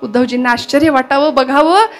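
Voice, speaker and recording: Woman kirtan preacher, high voice, dramatic storytelling, sung verses, faint music behind. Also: brisk. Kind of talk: devotional sermon.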